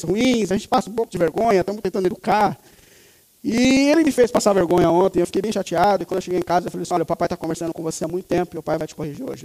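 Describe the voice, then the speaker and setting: A man's voice: sits high, vocal fry, dark tone. A male pastor in his thirties preaching a sermon, speaking emphatically and repeating key phrases for weight. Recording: reverberant hall.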